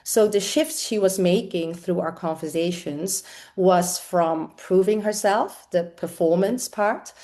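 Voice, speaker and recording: A middle-aged Dutch woman who works as an executive coach answers interview questions thoughtfully, using lots of fillers. Her voice is on the low side and mellow.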